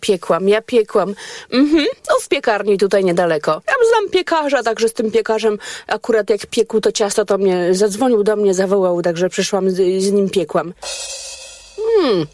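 A woman's voice: mid-range voice, lively intonation, normal speed, darkish tone, no room sound. A woman performing a comic monologue that jumps between fussing, pushing food on people and complaining, talking in a pushy, chattering way. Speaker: comedy sketch performer.

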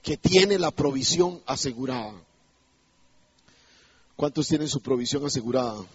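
A man's voice: medium pitch, lively intonation, normal speed, husky, dull audio. A male pastor preaching an emphatic sermon in a church, putting rhetorical questions to the congregation.

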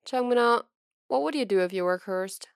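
A woman voicing a bored, restless young male idol in a fan fiction reading, with a flat, sulky delivery. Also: fairly high pitch, moderate pace, vocal fry, clear, resonant tone, no echo, studio quality, pitched above the performer's own voice.

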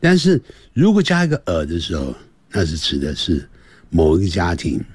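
On the radio, a man teaches English, explaining grammar and drilling pronunciation by repeating words slowly, all in a playful, lively style. His voice sits low and sounds husky, and the recording is dry.

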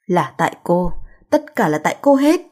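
A woman's voice: medium pitch, expressive, moderate pace, dark tone, breathy edge. A woman voicing a spoiled, distraught young pregnant wife who accuses and wails. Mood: wailing. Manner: accusing, wailing.

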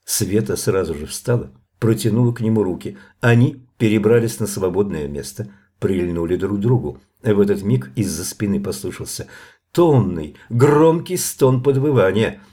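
Male audiobook narrator, measured and even, low-pitched, warm dark tone. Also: husky. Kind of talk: audiobook reading of a novel.

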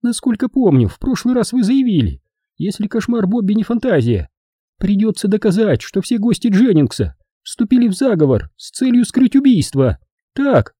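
A man voicing a sharp-tongued, scornful woman with a piercing falsetto in an audiobook. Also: very animated, moderate pace, breathy edge, no room sound, clean studio sound, exaggerated voice. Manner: contemptuous, snapping. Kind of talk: audiobook character voice.

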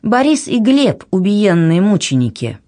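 A woman voicing a proud, hot-tempered young princess who shouts indignantly. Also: big pitch swings, a little slow. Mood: furious. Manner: shrill, indignant outbursts.

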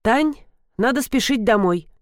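Woman doing a calm firm guy, no fuss, fairly high voice. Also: a little slow, no echo, clean studio sound. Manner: firm, reassuring. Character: calm no-nonsense man colleague.

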